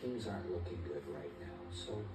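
A man's voice: deep voice, animated, normal speed. A man playing a grave, formal school principal in a comedy skit. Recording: distant TV playback, echoey room, music behind.

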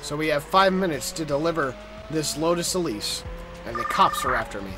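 A man calling out his own racing game as he plays it, casual and loud, often shouting and cursing at the cars. His voice sits high and leaps up and down constantly. Game music plays clearly under him. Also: fairly quick. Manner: excitable, swearing, shouting at the game. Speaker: streamer playing a racing game. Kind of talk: casual gameplay commentary.

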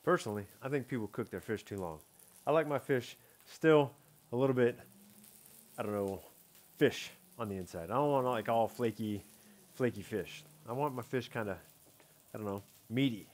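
In a mid-range voice at a moderate pace, a fishing vlogger in his thirties walks through a fish tasting outside on a patio after dark. The casual catch-and-cook vlog is recorded on a head-mounted camera, and his relaxed talk rambles, hedged with "I don't know" and "like".

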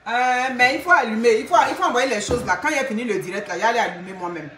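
A woman's voice: on the high side, animated, fast talker, a bit bright, recorded from a distance. A middle-aged woman, hosting a casual livestream and pleading with her viewers, repeating herself and talking to them directly. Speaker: livestream host recruiting workers. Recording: echoey room, voice away from mic, faint noise.

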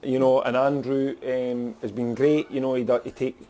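A Scottish man speaks plainly as a football manager in a post-match interview. His voice is dark and mellow, and he talks in a frank, direct way with lots of "you know". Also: mid-range voice, level tone, moderate pace.

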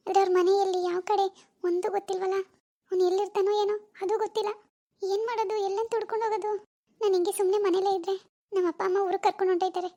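Cartoon teen schoolgirl, voiced by a woman: very high, fast, anxious hushed asides. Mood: anxious whispering. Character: worried teenage village schoolgirl in love. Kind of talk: cartoon voice acting.

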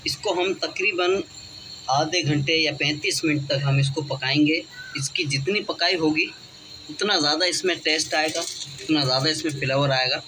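A man's voice: on the high side, normal speed, background noise. A man hosting a home cooking channel, talking through each step of a recipe in a casual, chatty way with frequent filler phrases.

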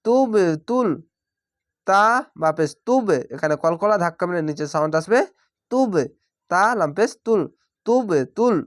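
A man teaching Quran reading, spelling out each syllable slowly and drawing out the sounds. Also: high voice, lively intonation, clean tone, dry recording, studio quality. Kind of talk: syllable-by-syllable recitation lesson.

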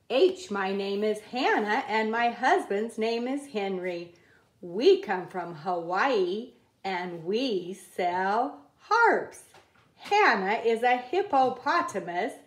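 A woman reading a children's picture book aloud at a table, in a slow, careful read-aloud cadence. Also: mid-range voice, reverberant. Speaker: reader. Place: indoors at a wooden table.

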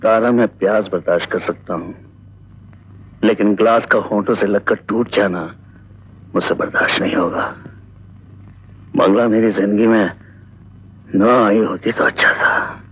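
An actor playing a blind, heartbroken husband who speaks in wounded, poetic reproaches. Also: male voice, fairly low pitch, fairly even intonation, unhurried, long pauses, slightly rough. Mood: sorrowful. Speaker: lead actor. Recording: dull old film soundtrack with score.

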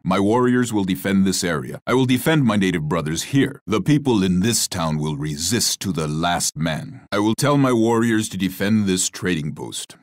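Chief Gall, deep solemn war chief. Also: male voice, no room sound, clean studio sound. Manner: measured, formal, grave delivery. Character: proud, solemn Native war chief, stern adult male ally. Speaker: video game character. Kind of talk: scripted strategy game voice lines.

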